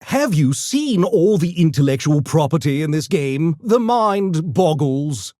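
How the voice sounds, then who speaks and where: Brain Gremlin, pompous high-voiced cartoon creature. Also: male voice, lively intonation, a little slow, darkish tone, no room sound. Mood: dry, condescending. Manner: pompous, wordy, mock-genteel diction. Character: small, erudite, smug male gremlin genius with mischievous menace. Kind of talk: video game character voice lines.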